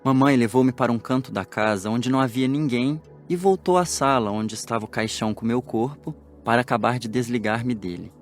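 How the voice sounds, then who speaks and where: Give me a man voicing a good-humored dead man recounting his passing, with soft music behind. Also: mid-range voice, brisk, hardly any pauses, lightly acted. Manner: lively storytelling with jokey asides. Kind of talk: audiobook drama acting.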